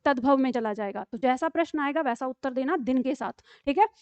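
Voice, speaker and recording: A woman's voice: high voice, brisk, a little mellow, clear, resonant tone, no echo, highs cut off. A woman teaching a Hindi grammar class online. She explains patiently and keeps checking in with rhetorical questions.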